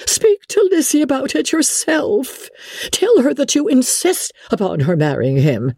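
A woman voicing an agitated, excitable middle-aged wife and mother in a dramatic reading of a classic novel. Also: sits high, measured pace, slightly rough, dry recording, studio quality, pitched above the performer's own voice, full character voice. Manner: agitated, exclamatory.

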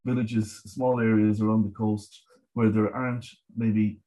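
A middle-aged man with a west of Ireland accent explaining his work in a conversational interview, measured and often repeating words as he goes. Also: fairly low pitch, level tone, mellow. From Galway, west of Ireland. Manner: measured, hesitant repetition of words, frequent 'you know'. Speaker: marine scientist guest.

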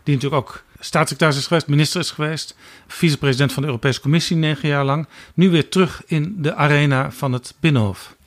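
A man co-hosts a political podcast with a slightly high voice. He explains events calmly and in a measured way. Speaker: podcast co-host. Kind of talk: political analysis chat.

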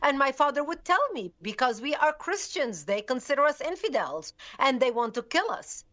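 High, bright woman from Lebanon. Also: highs cut off. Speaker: guest. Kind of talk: interview.

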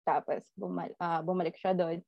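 A woman telling a ghost story in casual chat, animated and laughing often as she tells it. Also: lowish voice, normal speed, no echo. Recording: slightly dull lo-fi audio.

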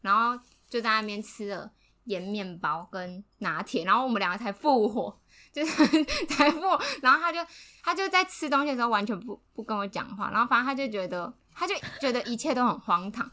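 A young adult woman telling a story in a casual podcast chat, animated, laughing often and acting out what people said. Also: on the high side, fairly quick. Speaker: podcast co-host.

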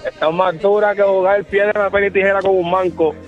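A man's voice: sits high, steady tone, brisk, over music. A man, calling into a radio show and cracking jokes over the phone. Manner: wisecracking. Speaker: caller. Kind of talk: joking phone call. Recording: dull phone line.

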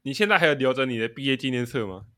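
A man's voice: medium pitch, expressive, very fast, sharp tone. A young man, co-hosting a casual podcast and telling stories while laughing often. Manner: storytelling, laughing often mid-sentence. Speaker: podcast co-host. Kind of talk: casual chat.

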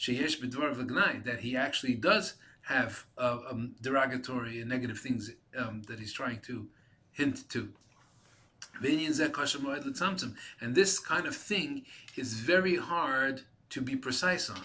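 Guy giving a torah class, reads with a yeshiva sound then translates, restarts a lot, bright voice. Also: mid-range voice. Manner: halting, repeats and restarts words while translating. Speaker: Torah teacher. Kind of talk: reading a Hebrew text and translating it line by line.

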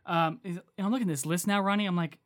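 A man with a fairly high-pitched voice co-hosts a relaxed sports podcast. He talks in an easygoing, chatty way, reading numbers aloud with frequent fillers. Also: fast. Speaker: podcast co-host. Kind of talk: casual sports podcast chat.

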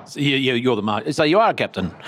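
This Australian podcast host has a mid-range, sing-song voice with a fairly bright tone, and he speaks fast. Interviewing someone outdoors at a conference, he keeps it casual and joking, using the relaxed, slangy banter of an Aussie tradesman. Faint background noise from the event can be heard.

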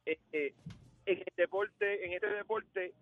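A man calling in to a sports radio show, telling his story in a measured way. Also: sits high, steady tone, dry recording. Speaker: radio caller. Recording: tinny phone line.

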